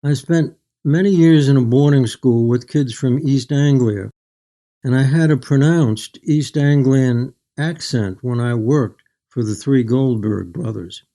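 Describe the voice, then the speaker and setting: In this reflective literary interview, a guest author, an older man, discusses his own writing. He sounds articulate and measured, giving thought to every word. The voice is gentle and mellow, pitched at an ordinary middle level.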